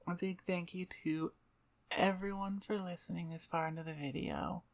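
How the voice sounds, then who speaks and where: An ASMR voice performer and channel host rambles through a casual outro chat, informal and self-deprecating, with a fairly low, fairly even voice at normal speed. She sits on the floor in front of a computer desk, her microphone about twelve inches away at eye level, speaking close to it.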